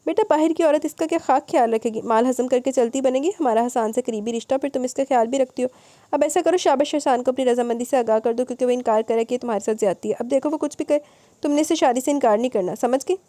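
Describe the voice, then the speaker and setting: A woman's voice: high voice, dark tone, dry recording, lightly acted. A woman voicing a scheming middle-aged mother who persuades in a coaxing, honeyed way in an audio novel. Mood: persuading.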